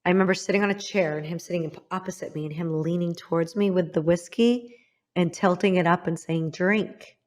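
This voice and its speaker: A woman from the Midwest speaks in a slightly low voice as a podcast host recounting her own story. She talks candidly and haltingly, and her voice drops quiet at the painful parts. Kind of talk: personal storytelling to a guest.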